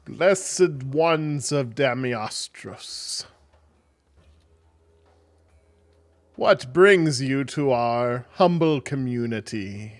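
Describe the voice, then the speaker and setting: Man doing a booming, lofty god. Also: lively intonation. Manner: slow, grand pronouncements.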